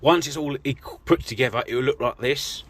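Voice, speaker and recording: Fairly quick and fairly bright in tone, a medium-pitched British voice rambles informally into a handheld camera. The speaker, a vlogger and amateur vehicle DIYer, gives a casual, self-deprecating walkthrough as he works in and around an off-road vehicle outdoors. Recorded on a handheld phone or camera mic, the audio is noisy with vehicle ambience.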